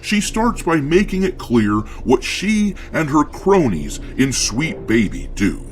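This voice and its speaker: Sarcastic male commentary host, lively pitch. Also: slow, a little hiss or hum. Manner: mocking, sarcastic; pirate-themed greetings. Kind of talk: scripted commentary.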